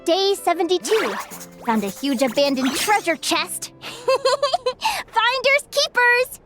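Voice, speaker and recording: A woman voicing a cheerful, adventurous young girl in a video game, with a bubbly, expressive manner. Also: very high-pitched, slow, music in the background, heavily acted. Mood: chatty, self-satisfied. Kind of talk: animated game voice acting, narrating diary and thinking aloud.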